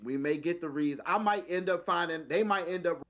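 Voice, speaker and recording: A man's voice: a little high, brisk, fairly bright tone, highs cut off. A man co-hosting a casual podcast, retelling scenes in a laid-back way and quoting the characters. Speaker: podcast co-host. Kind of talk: casual chat.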